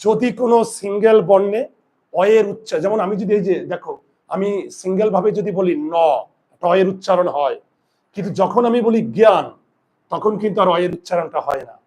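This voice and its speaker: Explaining pronunciation in class, a male grammar teacher speaks briskly. He poses questions to the students and then answers them himself, occasionally lowering his voice to a quiet murmur for asides.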